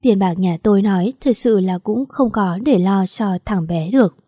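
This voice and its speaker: A woman reading a first-person story aloud in steady, earnest narration. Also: medium pitch, normal speed, breathy edge, no room sound, studio quality. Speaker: story reader.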